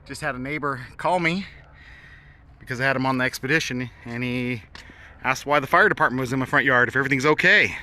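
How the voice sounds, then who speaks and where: A man's voice: medium pitch, fast talker, pushed and bright. A man hosting his own hobby channel, talking casually to camera and asking his viewers questions. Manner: chatty, addresses viewers directly.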